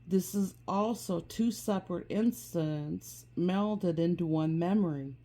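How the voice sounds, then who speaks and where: Slow, somber woman recalling her childhood. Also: fairly low pitch. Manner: slow, soft and somber, with occasional restarts. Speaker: personal storyteller. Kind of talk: first-person memoir narration.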